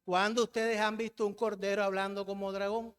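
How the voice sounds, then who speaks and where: A man's voice: high-pitched, flat delivery, a little fast, clear, resonant tone, in a large hall. A Colombian man preaching a sermon in a church, asking the congregation questions and having them call back the answers.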